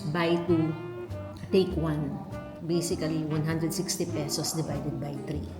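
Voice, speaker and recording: An echoey room recording with music carries a woman vlogger with a Filipino accent. Her voice sits a little low for a woman. She chats casually to viewers about what she is eating, switching easily between languages. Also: little pitch movement, a little slow. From Philippines. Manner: chatty, eating while talking, code-switching. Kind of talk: casual food haul and mukbang chat to viewers.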